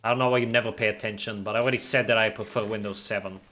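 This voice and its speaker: A man with a lowish voice talks very fast while streaming a game, chatting casually with his viewers. He pronounces his R sounds in the throat and stays relaxed, reading and responding to chat as he plays.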